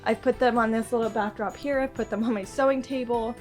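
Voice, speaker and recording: A woman's voice: fairly high pitch, steady tone, fairly quick, a little mellow, soft background music. A woman with a stuffy, nasal voice from a cold, chatting casually and gushing girlishly in a vlog. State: congested with a cold. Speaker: vlogger showing gifts to viewers.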